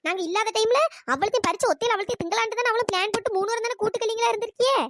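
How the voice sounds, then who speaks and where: Cartoon role: woman as a shrill orchard-owning aunt, fast-talking and scolding. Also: noisy background. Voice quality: squeaky, sped-up cartoon voice. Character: bossy village woman orchard owner, scolding. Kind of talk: cartoon storytelling.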